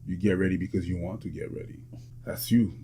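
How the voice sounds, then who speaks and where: A man's voice: deep voice, fairly even intonation, a little fast, mellow, slight background noise. A man arguing bluntly on a podcast panel, dismissive of the other side. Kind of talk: podcast debate.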